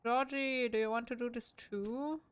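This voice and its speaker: A woman's voice: on the high side, steady tone, normal speed, clean tone, dry recording. A woman with a German accent streaming a game at home, reading in-game text aloud with wry, chatty asides.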